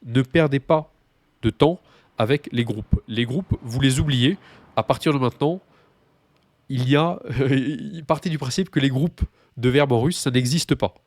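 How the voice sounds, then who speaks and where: A man gives an informal language lesson in a voice of ordinary pitch. He explains patiently, often pausing, restarting and repeating key points. The recording is dry and close, with no room sound. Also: a little mellow, no room sound. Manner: informal and repetitive, with many hesitations. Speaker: language teacher.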